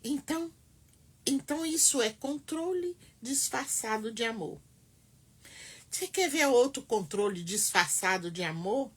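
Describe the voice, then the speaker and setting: A middle-aged woman giving earnest, emphatic advice to mothers, with dramatic pauses. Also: fairly high pitch, expressive, fairly bright tone, husky. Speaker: family counselor speaking to mothers. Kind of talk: heartfelt advice talk to camera.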